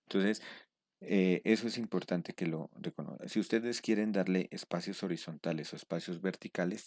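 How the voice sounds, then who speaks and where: A man teaching step by step in a screen-recorded tutorial. He pauses often to check in with his students. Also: deep voice, vocal fry, darkish tone, dry recording, clean studio sound. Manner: patient step-by-step explaining, checking in with a questioning "mm". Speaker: instructor.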